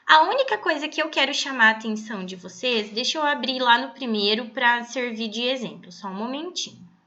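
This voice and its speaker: A woman teacher giving a recorded online lesson, explaining patiently and reading verses slowly aloud. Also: on the high side, lively intonation, bright, forceful tone, dull audio.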